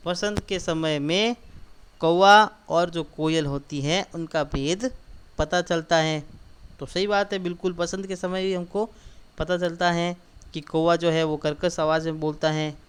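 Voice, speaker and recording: A man teaches schoolchildren, going over each textbook answer step by step and saying it twice. His voice sits fairly high and sounds clear and smooth. He slows down and speaks up whenever he reads a line from the book. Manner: patient, repetitive explaining, addresses children directly; reads quoted lines slowly and louder.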